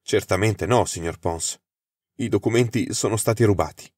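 A man's voice: fairly low pitch, moderate pace, darkish tone, dry recording, clean studio sound, lightly acted. A man voicing a flustered, anxious young government official who explains his trouble earnestly.

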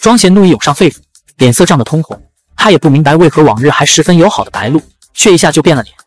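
A man narrating a dramatic fantasy audiobook in a brisk storytelling manner. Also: on the high side, animated, faint music behind.

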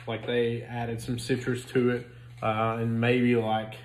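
A man's voice: medium pitch, completely flat delivery, slow, a little hiss or hum. Guy in his 30s rambling about food at home into a phone, jokey, echoey room. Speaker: restaurant reviewer. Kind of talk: casual chat. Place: home living room, indoors. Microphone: phone camera on a stand. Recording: roomy echo.

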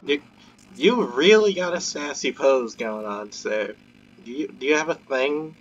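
A man's voice: medium pitch, lively intonation, measured pace, muffled recording. A man giving casual let's-play commentary, joking, swearing and talking to the game. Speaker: gameplay commentator.

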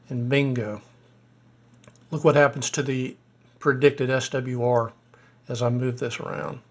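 A man giving a casual screen-recorded tutorial as a ham radio hobbyist, explaining step by step in a relaxed way with a few fillers, his voice a little hoarse. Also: medium pitch.

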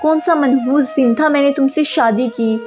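A woman's voice: high-pitched, moderate pace, close to an everyday voice. A woman reading a harsh, abusive young husband. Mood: shouting. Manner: shouting harshly. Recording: dull lo-fi audio with music.

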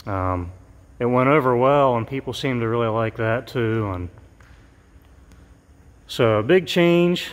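A man's voice: medium pitch, animated, a little slow, pauses often. A middle-aged man, a mural painter, casually showing his work on a walkthrough, chatty with many fillers. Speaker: mural painter giving a tour. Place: large empty school gymnasium. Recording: long gym reverb.

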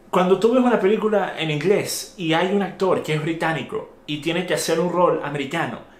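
A man's voice: a little high, roomy sound. A man giving an opinionated, indignant review monologue, stressing his points with rhetorical questions. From Venezuela. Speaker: video commentator.

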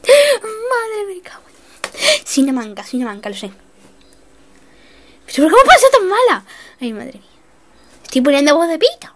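A young woman giving excitable, self-mocking gameplay commentary, swinging between shrieks and mutters. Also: very high-pitched, normal speed, long pauses. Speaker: gaming youtuber.

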